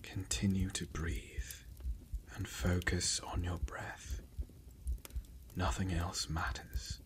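Man's slow, soft, soothing spa whisper. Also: deep voice, level tone. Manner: slow, gentle, reassuring, in short pausing phrases. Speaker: ASMR guide. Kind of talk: soft whispered ASMR relaxation and affirmations.

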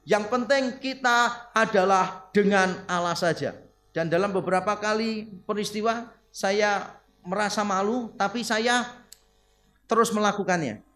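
A high-voiced male pastor delivering a sermon. He tells stories in a lively way, acts out bits of dialogue and laughs along, and keeps turning to the congregation as he speaks. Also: unhurried. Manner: animated storytelling with quoted dialogue and laughter; addresses listeners as "saudara".

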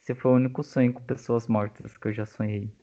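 A young man chatting casually and telling a personal story in an emotional, halting way, full of fillers. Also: mid-range voice, flat delivery, dark tone. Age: young adult. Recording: tinny phone-like audio.

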